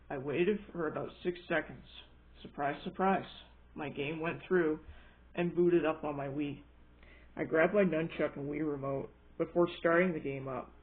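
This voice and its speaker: A man reading out a scripted first-person horror story, now and then stumbling over his words. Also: a little high. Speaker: creepypasta narrator. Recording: thin, phone-like narrow band.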